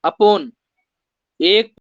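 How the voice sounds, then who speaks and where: A man's voice: high voice, extremely slow, no echo, lo-fi sound. A man teaching an exam-prep maths lesson, explaining step by step and putting rhetorical questions to his students.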